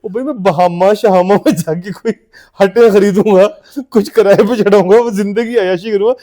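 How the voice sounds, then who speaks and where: A Punjabi-accented dreamer who blurts out grand plans in bold, blunt bursts, as a man puts him on. The voice sits a little high but stays mellow and soft-edged. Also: fairly even intonation, moderate pace, close to an everyday voice. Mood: scoffing. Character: easygoing male friend with big dreams.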